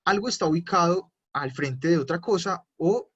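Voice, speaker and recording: In a dull, lo-fi online class recording, a man teaches German, patiently explaining each step and using lots of fillers. His voice sits on the high side, slightly bright and husky, at a moderate pace.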